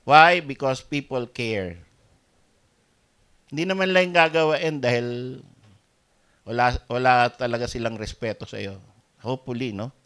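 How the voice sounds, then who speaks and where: A Filipino-accented man preaching a sermon at an unhurried pace. He moves between quiet, almost murmured asides and loud, emphatic rises, mixing in English phrases. His pitch sits in a middle range. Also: clear, resonant tone. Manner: switches between Tagalog and English, swinging from soft asides to loud emphatic peaks. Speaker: pastor.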